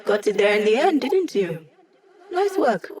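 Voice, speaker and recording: A woman's voice: fairly high pitch, big pitch swings, a little slow, a little mellow. A woman playing an upbeat, wry young female hacker living as data, giving casual, teasing mission support in a video game. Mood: wry, playful. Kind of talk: video game voice lines over comms.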